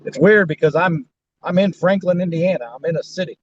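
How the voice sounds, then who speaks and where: An easygoing man joins a livestream over a computer call, mostly dropping short agreeing replies. His voice is high for a man, and the call audio sounds muffled with a faint hiss behind it. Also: fairly quick. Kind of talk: casual chat over a call. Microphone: computer mic on a stream call.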